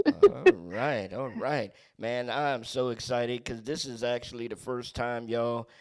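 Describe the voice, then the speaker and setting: A man hosting a casual talk show, animated and laughing often. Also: mid-range voice, measured pace, clean tone, dry recording. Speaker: podcast host. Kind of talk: casual chat.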